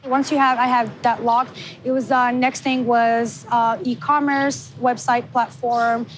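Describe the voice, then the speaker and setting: High-voiced woman from Morocco. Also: little pitch movement, a little slow, slight background noise, rough recording. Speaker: guest, business founder. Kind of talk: conversational interview.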